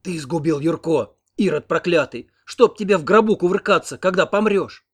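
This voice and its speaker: Man doing an old village granny, shrill, scolding, higher and louder than his own voice. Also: moderate pace. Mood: furious. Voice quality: shrill scolding, sucking at false teeth. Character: angry tearful old village grandmother.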